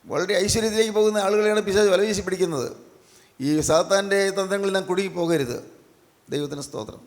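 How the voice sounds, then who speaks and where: A man's voice: sits high, fairly even intonation, fast. A man preaching a sermon, repeating his phrases and asking the listeners question after question. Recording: echoey hall with long reverb.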